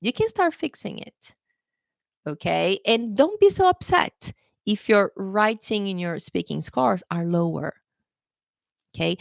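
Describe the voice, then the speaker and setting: Her voice fairly low and gravelly, a young Brazilian woman teaches English in a live-streamed exam prep lesson, speaking with a Brazilian Portuguese accent. She keeps it chatty, restates key points, and calls viewers "guys." The recording is studio quality without echo.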